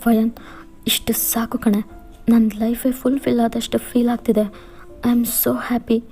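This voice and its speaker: A woman's voice: fairly high pitch, level tone, takes it slowly, warm tone, soft background music. A woman voicing an insistent, pleading young man confessing love in a fan fiction voiceover. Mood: earnest pleading. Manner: insistent, coaxing.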